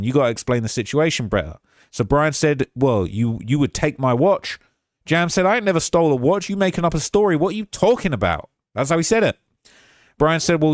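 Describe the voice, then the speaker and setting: A man recapping courtroom testimony by reading his own notes aloud, pushing up his voice for the quotes and dropping it low for the asides. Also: no room sound, studio quality. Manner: relays quotes in a rising, emphatic tone, asides dropped low and quiet.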